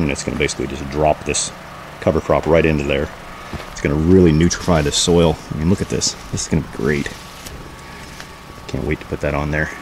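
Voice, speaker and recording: A man with an exceptionally deep voice leads a relaxed walk-through for his homesteading vlog in a backyard garden. He speaks informally and unscripted, pointing things out, while outdoor background noise surrounds his voice.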